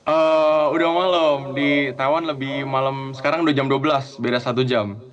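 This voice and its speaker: Young guy from central java on a call, friendly, lots of ums, ordinary pitch. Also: steady tone, normal speed, lo-fi sound. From Central Java, Indonesia. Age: young adult. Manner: friendly, hesitant with many fillers. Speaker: guest, student abroad. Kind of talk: casual chat over a video call.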